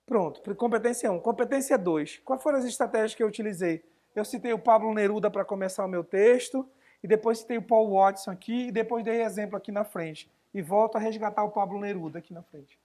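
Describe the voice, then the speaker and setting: A man's voice: sits high, fairly quick, warm tone. A man teaching an essay-writing class live online, chatting casually and answering viewers' questions as he goes.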